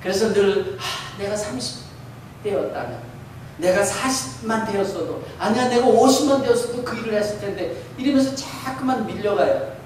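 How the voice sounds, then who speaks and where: A man's voice: sits high, normal speed. A man preaching an earnest graduation sermon, urging his listeners on. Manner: earnest exhortation, reading a quoted letter aloud. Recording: echoey hall, mic far off, faint noise.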